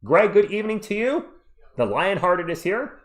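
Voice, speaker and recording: A casual man hosts a live sports stream, chatting and reading viewer comments aloud. His high-sitting voice is very animated but worn out, and he keeps a moderate pace.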